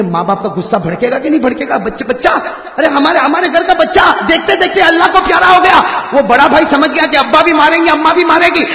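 A man preaching an emotional sermon, shifting between long shouted cries and quiet narration, calling on his listeners to answer. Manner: swings between shouted, drawn-out cries and low murmured narration; addresses the crowd directly, urging replies. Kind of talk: emotional Islamic sermon storytelling. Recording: echoey hall with long reverb.

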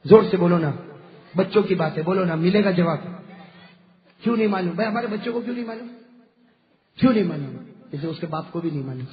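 A man preaching a sermon to a gathering, mixing jokes with religious teaching. He drops to murmured asides, then shouts exhortations and calls on the crowd to answer. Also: high-pitched. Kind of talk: sermon with humorous anecdotes. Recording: echoey lo-fi hall recording.

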